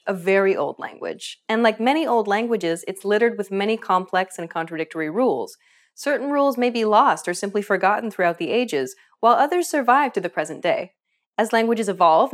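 A woman hosting a pronunciation course, narrating a scripted lesson in a clear, explanatory teacher's manner. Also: mid-range voice. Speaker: language course host.

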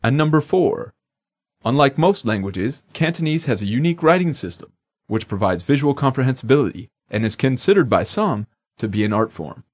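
A man's voice: mid-range voice, animated, a little fast. A man co-hosting a language lesson podcast in upbeat, jokey scripted banter.

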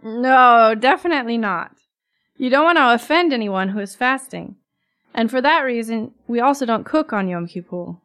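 Higher-voiced woman podcast co-host. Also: animated, moderate pace, fairly bright tone, clear, resonant tone. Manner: curious, friendly questioning. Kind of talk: scripted educational podcast dialogue.

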